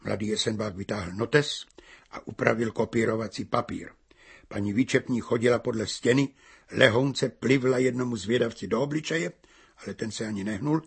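Very husky male audiobook narrator. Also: mid-range voice. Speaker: reader.

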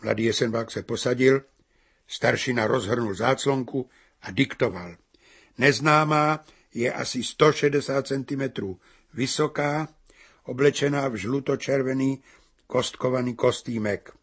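Very husky male audiobook narrator. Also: mid-range voice, fairly bright tone. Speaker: reader.

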